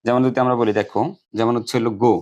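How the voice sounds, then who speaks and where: A man with a Bangladeshi accent teaching an English grammar lesson to students, explaining step by step and slowly repeating key words. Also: mid-range voice, level tone, a little mellow.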